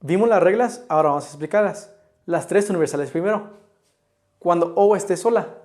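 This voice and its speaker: A man's voice: high voice, fairly quick, a little mellow. A man teaching an online English pronunciation lesson, patiently explaining rules step by step with examples.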